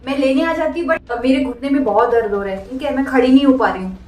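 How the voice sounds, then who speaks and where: A woman's voice: sits high, fast talker. A woman playing a worried mother in a home-made family skit, pleading anxiously. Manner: anxious, pleading, scolding gently. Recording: echoey room, mic far off, faint music.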